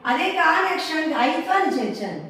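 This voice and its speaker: High-voiced teacher woman in echoey room. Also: big pitch swings, pushed and bright, recorded from a distance. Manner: slow repetitive drilling, asks and answers own questions. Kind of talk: teaching Telugu letter signs to children. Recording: very echoey room, voice away from the mic.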